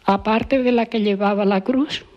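An older woman with a Canarian Spanish accent, recalling her family's past in a halting, searching way during an oral history interview. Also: mid-range voice, fairly even intonation, darkish tone, highs cut off. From La Palma, Canary Islands. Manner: halting, reminiscing, searches for words.

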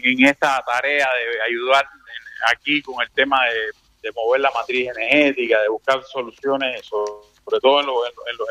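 A middle-aged man from Cuba, speaking as an interview guest in a halting way, full of restarts and fillers. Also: mid-range voice, bright, forceful tone. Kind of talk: conversational interview.

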